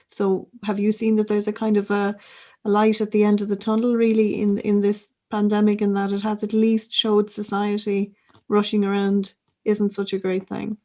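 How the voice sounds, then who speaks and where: A woman's voice: mid-range voice, warm tone. A woman hosting a podcast interview, asking long, rambling questions.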